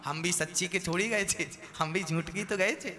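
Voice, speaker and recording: A man's voice: high voice, normal speed, voice pushed down, close to an everyday voice. A male preacher voicing a sly houseguest who refuses to leave, in a reverberant hall with music behind. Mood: smug.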